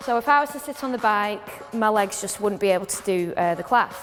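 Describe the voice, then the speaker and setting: A woman's voice: medium pitch, lively intonation, brisk, a bit bright. A woman spin instructor informally explaining a bike demonstration step by step. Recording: echoey hall with music behind.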